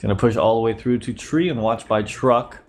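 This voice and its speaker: In a medium-pitched, slightly nasal voice, an ill man narrates gameplay at normal speed for his YouTube channel. His review comes across as relaxed play-by-play, with slight noise in the background.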